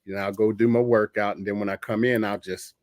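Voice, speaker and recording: A man in his fifties hosting a relaxed chat on a video call, easygoing and affirming. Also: fairly low pitch, fast talker, dry recording, studio quality. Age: 50s. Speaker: host. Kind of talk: casual chat.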